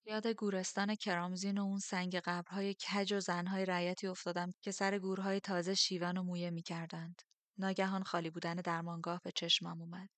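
Steady low-voiced woman narrating a novel. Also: no echo. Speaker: audiobook narrator. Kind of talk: first-person novel narration.

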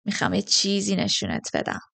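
A woman's voice: mid-range voice, big pitch swings, gravelly, sharp tone, slightly rough, full character voice. A woman playing a slurring, leering drunk man. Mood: leering, drunken. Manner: slow slurred drawl, sleazy and coaxing. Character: drunken leering heavyset man in a tavern street.

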